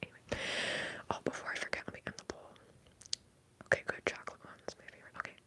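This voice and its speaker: A woman whispering softly and breathily as she hosts an ASMR livestream, chatting in a candid, informal, rambling way. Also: quick pace. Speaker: livestream host.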